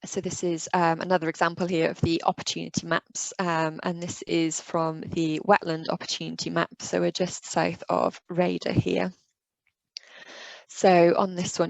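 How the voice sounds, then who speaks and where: Croaky woman giving a webinar talk. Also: fairly low pitch, no echo, rough recording. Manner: relaxed, conversational, with frequent "um" and "you know". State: voice going croaky. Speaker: biodiversity officer. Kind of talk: webinar slide presentation.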